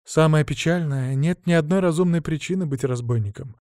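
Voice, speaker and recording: A man's voice: a little high, fairly quick, a little mellow, dry recording, clean studio sound, voice pushed up, close to an everyday voice. A man voicing a proud, stern woman who is a battle priestess, lecturing righteously in an audiobook. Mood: sorrowful.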